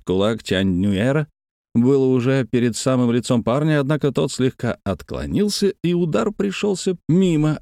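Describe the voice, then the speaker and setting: A man narrating a story aloud, addressing his listeners, with expressive reading. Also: mid-range voice, no echo, studio quality.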